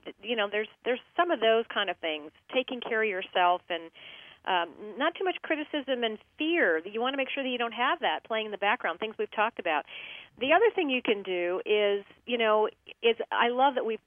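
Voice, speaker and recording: A woman guest talking in a relaxed, friendly way with many fillers. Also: fairly high pitch, normal speed, no echo. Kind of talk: casual radio interview over the phone. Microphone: telephone. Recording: tinny phone line.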